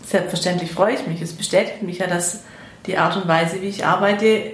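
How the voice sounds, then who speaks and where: A woman on a podcast speaking in a measured, matter-of-fact way. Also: on the low side, fairly even intonation. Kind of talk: conversational podcast talk, reading a scenario. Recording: echoey room.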